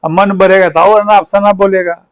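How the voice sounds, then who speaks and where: A man's voice: high voice, fairly even intonation, moderate pace, clean tone, dry recording, low-quality recording. A man with a Bhojpuri accent, a party leader speaking in a political interview, fiery and rhetorical, repeating phrases for emphasis.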